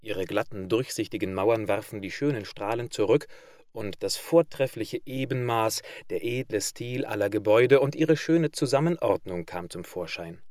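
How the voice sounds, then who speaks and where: A man narrating a fairy tale in a measured, even literary reading, close to the mic. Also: on the low side, no room sound. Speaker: audiobook narrator.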